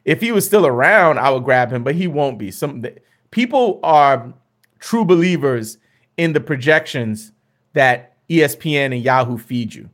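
A young man with a slightly hoarse, medium-pitched voice hosts a fantasy basketball mock draft, chatting casually with viewers and often repeating himself. He sounds animated and talks at a normal speed.

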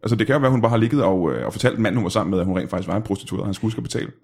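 A male host with a gravelly, husky, low-pitched voice runs a comedic interview. He asks probing questions in a mock-serious tone. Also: expressive, a little mellow.

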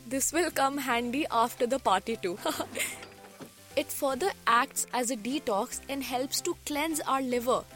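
A woman's voice: sits high, measured pace, a bit bright, faint music behind. A woman with a North Indian accent, co-hosting in scripted casual cooking dialogue and switching expressively between English and Hindi. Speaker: co-host of a cooking podcast.

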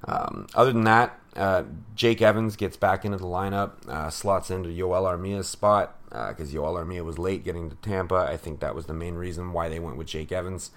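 A low-pitched man hosts a hockey breakdown show in a casual, offhand way. He gives strong opinions, drifts into sarcasm and fills pauses with ums and uhs. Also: a bit bright. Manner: opinionated, sarcastic, with fillers and laughs. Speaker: hockey podcast host.

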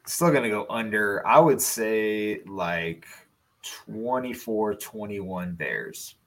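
A man's voice: on the low side, takes it slowly, rough recording. A man with a Chicago accent co-hosting a casual sports podcast, rambling with restarts and fillers. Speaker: podcast co-host.

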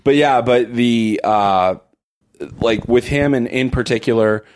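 A man talking as a guest on a casual podcast, hoarse from a cold, speaking haltingly with many restarts. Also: mid-range voice, slight background noise. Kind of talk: casual chat.

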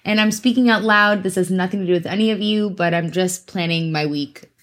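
A woman's voice: on the low side, fairly quick, fairly bright tone. A woman from Africa, hosting a casual true crime podcast in a chatty, giggly way with teasing asides. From South Africa. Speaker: podcast host.

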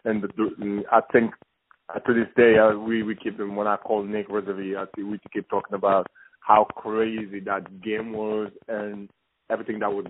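A young man from Senegal, a former basketball player, talking as a phone-in guest in a halting way with frequent restarts. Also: lowish voice. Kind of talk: casual phone interview. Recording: tinny phone line with faint hiss.

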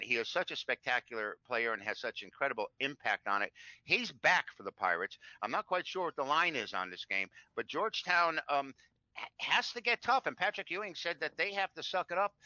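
A chatty man co-hosting a sports betting show, rattling off records and trends in a very bright, forceful voice. The sound is dry and a little dull, like a lo-fi recording. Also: a little high, no echo. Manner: chatty, rambling, stacks up stats.

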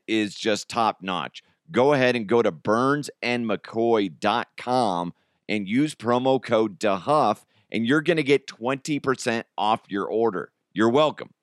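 A man with an American accent hosts a casual solo comedy podcast, talking in a loose, slangy, conversational style and chuckling at his own remarks. His voice sits at medium pitch, and the clean studio recording has no room sound.

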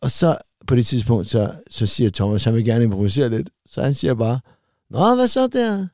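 A man's voice: medium pitch, gravelly, dark tone, dry recording, clean studio sound. A man co-hosting a comedy podcast, chatting casually and acting out quoted voices in his anecdotes. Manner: acts out quoted voices in storytelling.

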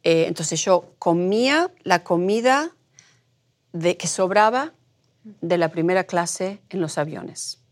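Middle-aged Argentine woman, interview guest, animated storyteller who acts out quotes. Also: on the low side, slow pace. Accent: Argentine Spanish. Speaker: guest, producer. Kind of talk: conversational interview.

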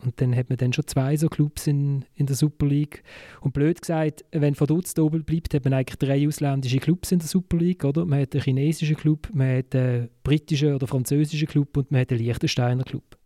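A man with a Swiss German accent talks casually in a panel discussion. His voice sits slightly high and is mellow, recorded very dry, and he feels his way haltingly through his questions. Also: fairly even intonation, no echo. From Switzerland, Basel. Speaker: football talk show panellist posing questions.

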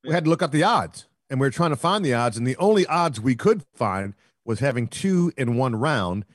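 A man co-hosting a sports talk show, telling a long rambling story that swells into excited, louder bursts. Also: medium pitch, brisk, dry recording, studio quality. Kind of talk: casual sports chat.

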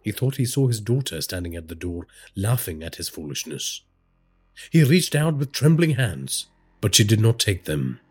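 Brief: a male horror storyteller with a husky voice and dramatic delivery. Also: on the low side, moderate pace. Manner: dramatic storytelling with lively inflection. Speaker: narrator. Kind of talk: scripted horror narration.

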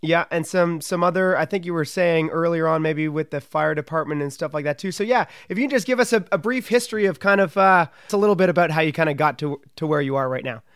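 A man's voice: on the high side, fast, hardly any pauses, fairly bright tone, clean tone, dry recording, clean studio sound. A man hosting a podcast, introducing the show and chatting casually with a guest. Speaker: podcast host.

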